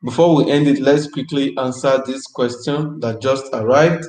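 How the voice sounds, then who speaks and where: A man's voice: medium pitch, normal speed, darkish tone. A man hosting a live-stream question-and-answer chat, chatty and upbeat, often repeating his phrases. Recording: roomy echo.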